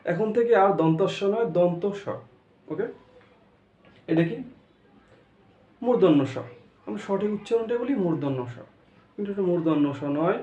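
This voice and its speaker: A male teacher gives a pronunciation lesson. He keeps quizzing the class, answers his own questions and repeats each sound slowly. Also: sits high, a little mellow. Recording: echoey room, dull lo-fi sound.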